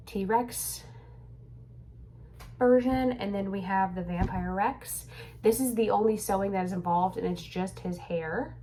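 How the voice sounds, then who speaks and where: This crochet pattern designer, a young woman, has a medium-pitched, slightly mellow voice, with a little background noise behind her. Filming a casual vlog in a home room she's clearing out, she chats on in a rambling way, full of fillers and a touch breathless.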